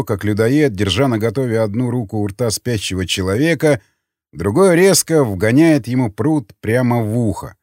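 A man reading an audiobook in steady, even scripted narration. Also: mid-range voice, no echo, studio quality.

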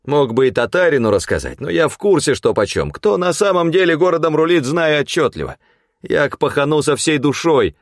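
High shrill crazed scavenger, yelling and begging, dry audiobook sound. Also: male voice, very animated, measured pace, no echo. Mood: boastful. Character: frantic ragged young male scavenger, shrieking.

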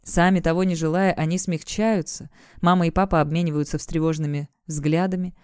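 Audiobook narrator, female, low-pitched, smooth warm voice, dry close recording. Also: fairly even intonation, brisk, dry recording. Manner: acts out the shouting parents and lovers in her own voice. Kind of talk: first-person audiobook narration.

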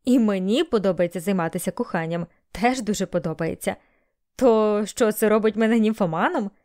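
A woman's voice: mid-range voice, brisk, darkish tone, natural voice. A woman reading a teasing young man. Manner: playful teasing. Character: young man, teasing, cheerful best friend.

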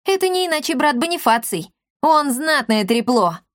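A woman voicing a scatterbrained, greedy ginger tomcat with a high, whiny voice. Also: normal speed, no room sound, studio quality. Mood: excited. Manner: whiny, excitable.

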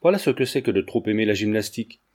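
A man reading a sly, teasing gentleman. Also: fairly low pitch, lively intonation, quick pace, breathy edge. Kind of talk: audiobook character reading.

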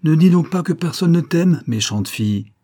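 A man's voice: medium pitch, normal speed, mellow, close to an everyday voice. Storybook servant woman in her forties, doting and scolding, put on by a man reading. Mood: indignant. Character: warm fussy middle-aged female servant. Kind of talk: audiobook character voice.

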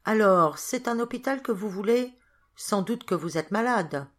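Woman reader voicing a smug, nosy male innkeeper, animated, audiobook. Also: mid-range voice, measured pace, voice pushed up. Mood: prying. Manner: smug, prying. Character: chatty, self-satisfied male innkeeper.

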